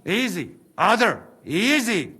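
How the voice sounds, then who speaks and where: A man's voice: high voice, big pitch swings, takes it slowly, pushed and bright, slightly rough, exaggerated voice. An actor playing a sly, persuasive male mercenary in a video game, speaking broken English with a Hungarian accent. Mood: coaxing. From Trenčín region. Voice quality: broken English, coaxing and bargaining. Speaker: Janos, a mercenary negotiator. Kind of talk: video game cutscene acting.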